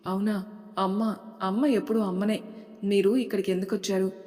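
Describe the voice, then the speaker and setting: A woman voicing a weary, gentle older mother in a Telugu audio story, speaking softly and kindly, with a long hall reverb behind her voice. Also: mid-range voice, fairly even intonation, normal speed, faint music behind, natural voice.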